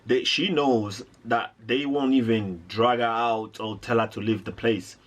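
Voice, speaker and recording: A man's voice: medium pitch, fairly even intonation, measured pace. A man hosting a reaction video, giving indignant, rambling commentary with lots of restarts.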